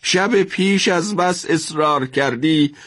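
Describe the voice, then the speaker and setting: A grave, weary monarch speaking with a heavy, solemn air, as a male narrator puts him on. The voice sits higher than the teller's own, close and dry. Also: a bit bright, no room sound. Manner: solemn, sighing.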